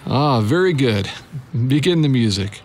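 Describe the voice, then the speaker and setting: A man's voice: mid-range voice, expressive, unhurried, a little mellow, soft background music, natural voice. An actor playing a vain but kindhearted ancient king, regal and hesitant, in a theatrical Bible drama. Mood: flattered, pleased.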